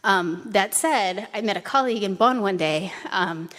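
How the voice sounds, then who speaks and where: Woman, forties, at a podium in a chamber hall giving a storytelling tribute; middle pitch, long reverberant tail. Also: normal speed, fairly bright tone. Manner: anecdotal, light humorous asides. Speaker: former doctoral student giving a tribute. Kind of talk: memorial tribute speech. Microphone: podium microphone.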